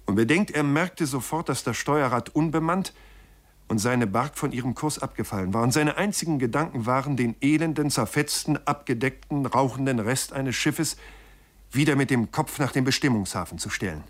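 A man narrating a first-person sea adventure as an audiobook, measured and dramatic, often addressing his listeners directly. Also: medium pitch.

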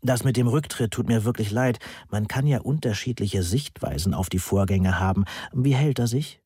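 Man reading a puzzled lecturer guy, hesitant, lots of uhs, low dark voice. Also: normal speed, breathy edge, no room sound, studio quality. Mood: sympathetic. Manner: hesitant, with "äh" fillers. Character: middle-aged male lecturer, reserved, puzzled.

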